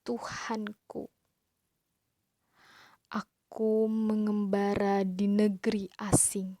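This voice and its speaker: A woman teacher reciting a poem dramatically for her pupils, drawn out, with hushed whispered lines. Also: mid-range voice, flat delivery, extremely slow, dry recording. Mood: solemn.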